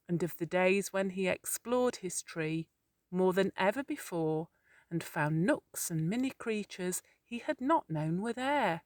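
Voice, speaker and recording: A woman narrating a calm, therapeutic children's story in a soothing, measured way. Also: lowish voice, no echo, clean studio sound.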